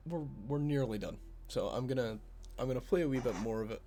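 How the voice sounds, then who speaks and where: Brisk and warm, with a mid-range voice, this streamer from Scotland gives laid-back commentary on his gameplay. He curses liberally and banters with the people watching.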